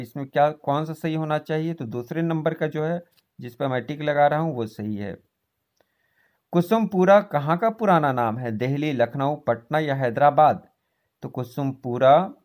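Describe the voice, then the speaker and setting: A man's voice: mid-range voice, darkish tone. Man teaching an exam quiz lesson. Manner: reads each question and its options, then gives the answer.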